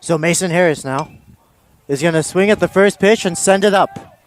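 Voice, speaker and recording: A man calling baseball play-by-play, excitable on big plays and dry in his asides. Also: high-pitched, normal speed. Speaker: play-by-play announcer.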